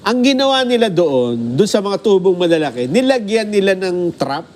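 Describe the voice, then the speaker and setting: A man co-hosting a news program, giving casual commentary in a deliberate manner with pauses mid-thought. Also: high voice, very animated, a little mellow. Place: TV news studio.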